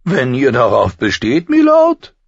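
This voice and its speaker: A man voicing a small, sharp-tongued nobleman with a raised, pinched voice. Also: mid-range voice, huge pitch swings, measured pace, creaky, breathy edge, no echo, highs cut off, voice pushed up, full character voice. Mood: wheedling.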